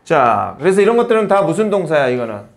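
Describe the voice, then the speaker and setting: Guy teaching grammar, chatty, keeps asking then answering his own questions, kinda high voice that bounces around a lot. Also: very animated, fast talker, creaky. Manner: explains patiently in short spoken phrases, asking and answering his own questions. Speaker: English teacher. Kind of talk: casual grammar lesson in Korean.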